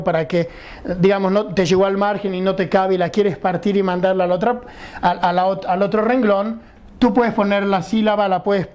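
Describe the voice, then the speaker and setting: This English teacher has a high, slightly mellow voice. In a recorded lesson he explains patiently, asks rhetorical questions, and keeps checking that his students are following along.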